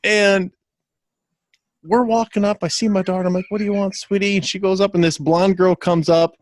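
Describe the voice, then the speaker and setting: A man's voice: sits high, level tone, normal speed, dry recording, clean studio sound. A man co-hosting a podcast, telling stories with a crude, joking manner. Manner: joking, storytelling, crude humor. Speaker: podcast co-host. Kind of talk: casual chat.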